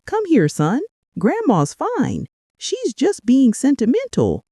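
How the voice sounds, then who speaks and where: A woman's voice: high voice, wildly swooping pitch, slow, warm tone, dry recording, clean studio sound, voice pushed up, exaggerated voice. A woman voicing a cruel grown daughter who mocks her mother in a falsely sweet, scornful way. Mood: condescending.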